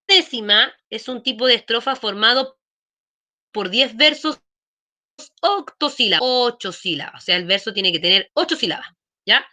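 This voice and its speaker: Woman, schoolteacher, bright and slightly high voice, patient online lesson. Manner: explains patiently, checks in often with questions.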